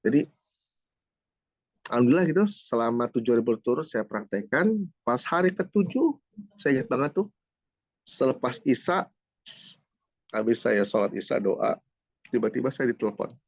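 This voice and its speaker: A middle-aged certified trainer from Jakarta, Indonesia, gives a personal testimony as an interview guest, with a mid-range, very animated voice at normal speed and frequent pauses, recorded with no room sound. He tells it as a story, acting out the dialogue and tagging lines with asides, often "gitu kan".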